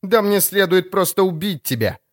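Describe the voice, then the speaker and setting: A man voicing a tough, furious woman thief in an audiobook, firing off sharp angry outbursts. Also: sits high, lively intonation, normal speed, pitched above the performer's own voice. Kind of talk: audiobook character voice.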